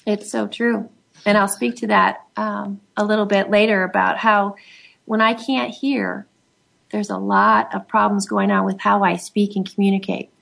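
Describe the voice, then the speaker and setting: A middle-aged woman, the guest on an interview show, speaking in a heartfelt and halting way, with many fillers. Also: medium pitch, level tone, creaky, a bit bright. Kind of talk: emotional personal conversation.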